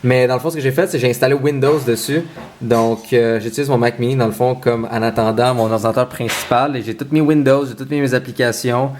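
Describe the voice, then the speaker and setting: A man's voice: mid-range voice, steady tone, brisk, darkish tone, slight background noise. A man from Quebec with a Québécois accent, rambling and joking playfully in a casual vlog. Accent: Québécois French. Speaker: vlogger.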